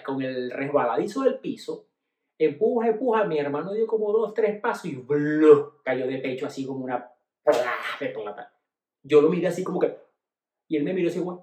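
Venezuelan man, middle-aged, slangy storyteller, fairly high voice, echoey room. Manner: animated, slangy, swings between low mutters and loud exclaims. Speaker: podcast host. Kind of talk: casual storytelling monologue. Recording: roomy echo.

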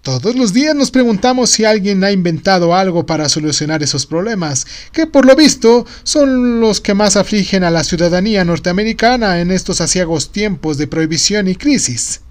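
A man's voice: sits high, expressive, normal speed, few pauses, pitched above the performer's own voice. A man voicing a sceptical, sardonic patent office director in an audio storybook, wordy, mocking and officious.

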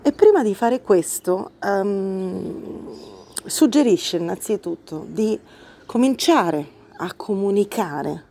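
A woman's voice: medium pitch, expressive, takes it slowly, warm tone, slight background noise. A woman hosting a podcast, explaining a book in an earnest, reflective way and thinking aloud as she talks. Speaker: podcast host. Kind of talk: explanatory monologue about a book.

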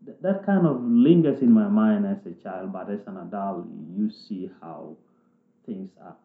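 A man from South Sudan, speaking in a thoughtful, halting way with restarts as he interviews people in a reflective conversation. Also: on the low side. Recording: echoey room, tinny phone-like sound.

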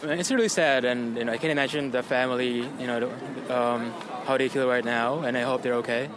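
An American man answering a street interview in a sympathetic, halting way. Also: mid-range voice, steady tone. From New York, United States. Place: city street outdoors. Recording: busy street crowd noise.

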